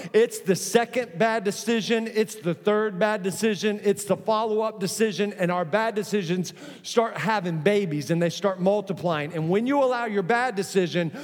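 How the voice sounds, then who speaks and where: A man with a high voice preaches a sermon in a large church auditorium, where his words trail off in long reverb. His delivery is emphatic and built on repetition, with joking asides mixed in. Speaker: pastor.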